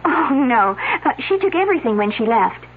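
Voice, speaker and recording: A bright, eager young college woman who talks quickly and gets a bit flustered. Her high, lively voice has a breathy edge. It all comes through a tinny old radio broadcast. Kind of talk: 1970s radio drama acting.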